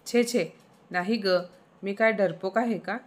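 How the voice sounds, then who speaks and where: A woman's voice: mid-range voice, unhurried, natural voice. A woman playing a proud, fearless elderly mother. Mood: defiant. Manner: boastful, dismissive.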